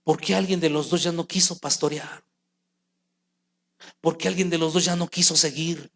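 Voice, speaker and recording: High-voiced preaching pastor. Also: male voice, moderate pace, vocal fry. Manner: preaching with animated acted-out quotes and rising calls to the congregation. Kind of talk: sermon.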